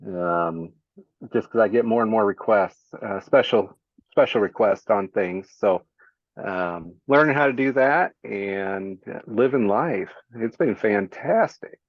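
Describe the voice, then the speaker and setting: A man speaking as a podcast guest, easygoing and plain-spoken. His voice sits fairly low. The audio is muffled and lo-fi, as on a video call, and dry with no room echo. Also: expressive, takes it slowly. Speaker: guest, small business owner. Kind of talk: casual interview chat.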